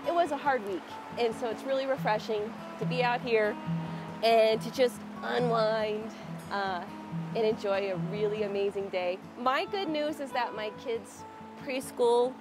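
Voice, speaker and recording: A woman's voice: a little high, a little slow, music in the background. A woman, a mother, speaking casually outdoors about her relaxing day off. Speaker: interviewee sharing good news. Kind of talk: casual street comment. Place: outdoors in a town.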